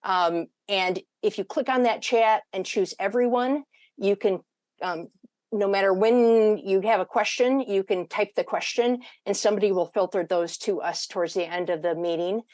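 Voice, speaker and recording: A woman's voice: medium pitch, normal speed, a little mellow, dry recording. A woman hosting an informal online panel, speaking in a chatty, rambling way as she moderates. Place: online video meeting.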